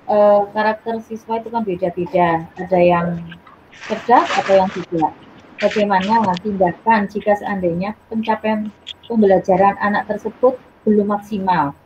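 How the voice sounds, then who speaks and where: A woman teacher asking a hesitant question on a video call, her voice choppy and breaking up. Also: mid-range voice. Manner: hesitant, with filler sounds. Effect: choppy call audio that keeps breaking up. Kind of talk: question in an online meeting. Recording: muffled noisy online call.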